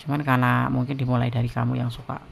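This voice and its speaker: A man with a gravelly, creaky voice talks straight to his viewers. He gives blunt, frank relationship advice in a loose, chatty monologue. A faint hiss sits under his voice. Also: mid-range voice, level tone, fast talker. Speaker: tarot reader giving love advice.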